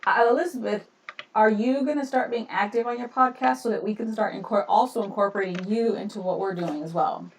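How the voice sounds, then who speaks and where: A woman's voice: mid-range voice, a little fast, far from the mic, slight background noise. A woman co-hosting a casual live-stream chat, rambling and laughing often. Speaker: podcast co-host.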